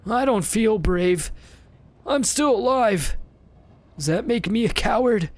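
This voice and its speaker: A man voicing a ragged, sickly old beggar who claims to be the city guard, gruff and prodding, then mournful. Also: high-pitched, animated, slow, no room sound, pitched above the performer's own voice.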